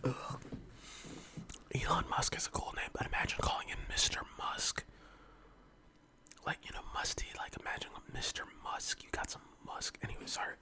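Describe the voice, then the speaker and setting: An ASMR host of unclear sex whispers close to the mic, as if leaning in, in an informal, meandering casual chat. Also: fairly quick. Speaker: ASMR eating-video host.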